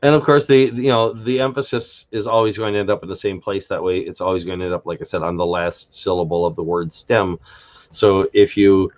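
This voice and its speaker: A man with a very low voice talks through his invented language on a live stream, pausing with fillers and restarting his sentences. The audio is dull and lo-fi, with keyboard typing behind him. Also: fairly even intonation. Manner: thinking aloud, many fillers and restarts. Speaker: live stream host explaining a constructed language. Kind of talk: unscripted live stream chat.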